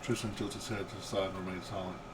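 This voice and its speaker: Low-voiced older man reading over noise. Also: fast talker. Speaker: gamer reading game dialogue aloud. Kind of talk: reading video game narration aloud. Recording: steady background hum and noise.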